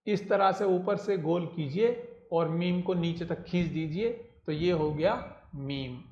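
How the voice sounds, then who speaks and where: Slow, patient male teacher in echoey room. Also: on the high side, steady tone, a little mellow, muffled recording. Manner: patient, repeats letter names step by step. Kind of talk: slow spelling lesson for children. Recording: roomy echo.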